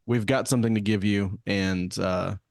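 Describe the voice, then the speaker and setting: Low-voiced man hosting a podcast. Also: fairly even intonation, moderate pace, creaky, no echo, clean studio sound. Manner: friendly, restarts words often. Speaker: podcast host. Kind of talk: casual podcast chat.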